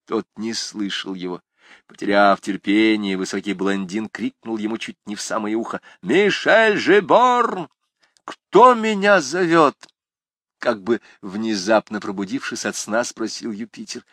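A man narrating a literary novel with a dramatic, expressive delivery. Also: lowish voice, moderate pace, no room sound, studio quality. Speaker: audiobook narrator.

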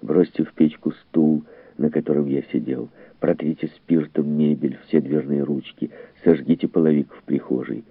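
A man's voice: rumbling low, steady tone, moderate pace, creaky, breathy edge, no echo, heavily acted. A man voicing a hunted fugitive who gives firm, urgent instructions to cover his tracks. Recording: tinny phone-like dry recording.

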